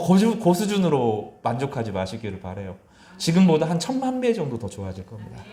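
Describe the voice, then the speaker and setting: A man, a pastor, preaching a sermon in a church, acting out quotes in lively voices and dropping to soft asides. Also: roomy sound. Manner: animated, acts out mocking voices and quotes; mixes loud rising quotes with soft low asides. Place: church sanctuary.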